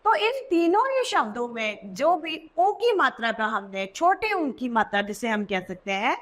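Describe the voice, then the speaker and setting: A woman teaching a children's Hindi lesson, sounding out words slowly and repeating them. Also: high-pitched, very animated.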